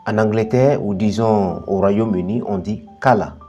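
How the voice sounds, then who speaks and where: A man hosting a bilingual English lesson, explaining pronunciation and slowly modelling word pairs one after another. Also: fairly low pitch, fairly even intonation, warm tone, lo-fi sound, faint music behind. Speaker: English teacher, channel host.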